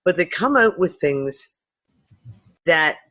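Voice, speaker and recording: A host chatting casually on a livestream, rambling and swearing as she tells animated stories. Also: deep voice, slow pace, muffled recording. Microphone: computer mic on a video call.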